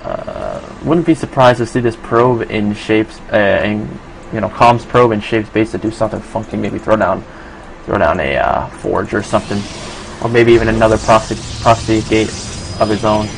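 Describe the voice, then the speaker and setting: A man with a New York accent giving relaxed, filler-heavy solo play-by-play commentary on a strategy game. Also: fairly low pitch, moderate pace, vocal fry, a little hiss or hum, rough recording. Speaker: esports commentator.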